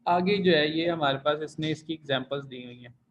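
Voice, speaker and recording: A man's voice: on the high side, a little fast, lo-fi sound. A man teaching a Chinese language class online, explaining rules patiently and repeating each point step by step. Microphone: computer mic in video call.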